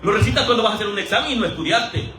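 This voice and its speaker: A high-pitched man preaches with a bright, ringing tone. He fires rhetorical questions at the congregation and slips into mimicked voices. His voice comes from a distance and echoes around the church hall. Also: racing, slight background noise. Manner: animated, rhetorical questions, acts out quoted voices for humor. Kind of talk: sermon. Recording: roomy echo, voice from a distance.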